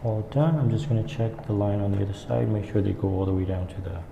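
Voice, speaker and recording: Low-pitched man in an echoing stairwell. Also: fairly even intonation, vocal fry, lo-fi sound. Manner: casual, halting step-by-step explaining. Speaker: woodworking instructor. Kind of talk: hands-on tutorial, talking while working. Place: indoor staircase with strong echo. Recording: echoey stairwell, long reverb, background noise.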